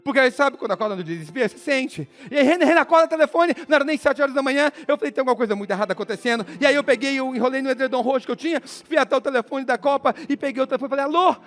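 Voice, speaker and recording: Dramatic high-voiced Brazilian motivational speaker. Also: male voice, racing, hardly any pauses. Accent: Brazilian Portuguese. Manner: acts out dialogue, swings from hushed to shouting. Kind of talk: motivational storytelling speech.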